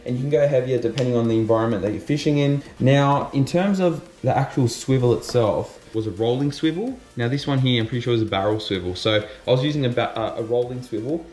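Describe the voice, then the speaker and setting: A man's voice: mid-range voice, dark tone. A young man vlogging and casually explaining his gear step by step, with plenty of "um" and "you know" fillers. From Australia. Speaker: fishing vlogger. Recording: roomy echo.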